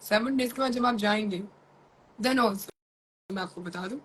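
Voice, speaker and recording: A middle-aged woman with an Indian accent, chatting live with her followers from a room at home, mixing Hindi and English with rushed asides. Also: mid-range voice, breathy edge, poor audio. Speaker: makeup artist and academy owner. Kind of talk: live-stream chat to followers.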